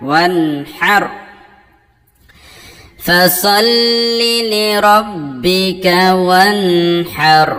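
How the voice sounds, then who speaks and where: A man teaching Quran recitation, chanting verses slowly and drawn out, then spelling out letters and explaining. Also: fairly high pitch, fairly bright tone, long reverb tail.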